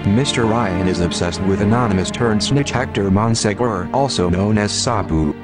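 Man in a disguised deep voice. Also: normal speed. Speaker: anonymous spokesman. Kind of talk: scripted statement. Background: music.

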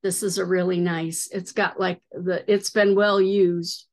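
A woman's voice: fairly low pitch, flat delivery, measured pace, a little mellow. A middle-aged woman hosting a needlework video, showing items in a casual, hesitant way with many fillers. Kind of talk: casual show-and-tell.

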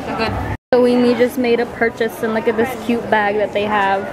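A young woman vlogging on a handheld camera, excitable and exclaiming often as she walks through busy places. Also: fairly high pitch, moderate pace, rough recording. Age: young adult. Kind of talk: casual travel vlog. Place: busy casino, shop and windy street. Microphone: handheld camera at arm's length. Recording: loud crowd and wind noise.

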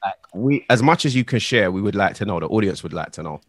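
A man's voice: lowish voice, animated, quick pace, dry recording, studio quality. A young man co-hosting a podcast, talking earnestly and pressing his points with slangy asides. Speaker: podcast co-host. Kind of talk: casual chat.

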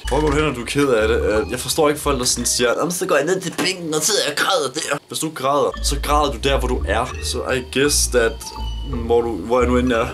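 A nineteen-year-old man from Denmark works through viewer questions in a casual vlog. He talks in a blunt, joking way and swears constantly. His voice sits at a middling pitch, with faint music in the background. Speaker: YouTuber.

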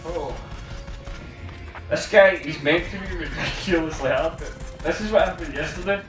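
A young man giving loud, sweary commentary while playing a VR shooter, taunting the enemies and getting out of breath. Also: fairly high pitch, normal speed. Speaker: gaming video creator. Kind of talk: excited gameplay commentary. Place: room while playing a VR game. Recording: roomy, distant mic, game music behind.

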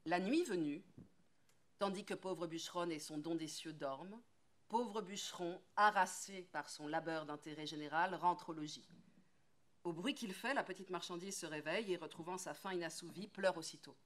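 A woman's voice: on the low side, moderate pace. French woman giving a lilting literary reading. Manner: rhythmic, lilting, with repeated phrases. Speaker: actress reading a book aloud.

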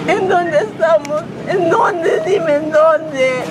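A young Peruvian woman speaks in a very high voice, blubbering and distraught. She is interviewed outdoors through a face mask, with loud street noise around her. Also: slow pace. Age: young adult. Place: outdoors at a hospital gate. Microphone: news camera microphone, masked speaker. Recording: noisy street, crowd and traffic.

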